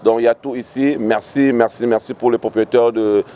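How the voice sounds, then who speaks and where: A man's voice: mid-range voice, steady tone, a little fast, mellow. A man hosting a street interview outdoors, playful and speaking straight to the audience. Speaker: show host.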